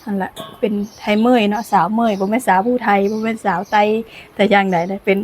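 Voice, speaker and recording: A woman's voice: medium pitch, steady tone, fast talker, a little hiss or hum. A woman from Laos with a Lao accent chats casually through a cooking vlog outdoors in the sun, laughing often, filmed on a camera by her niece. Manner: chatty, laughs often while talking. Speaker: cooking vlogger. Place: outdoors in sunshine.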